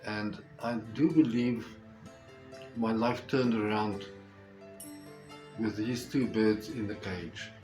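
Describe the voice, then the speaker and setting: An older man with a South African accent and Afrikaans as his first language, telling a personal story reflectively with halting, deliberate phrasing. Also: fairly low pitch, darkish tone, faint music behind. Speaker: storyteller, host. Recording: roomy echo with faint background noise.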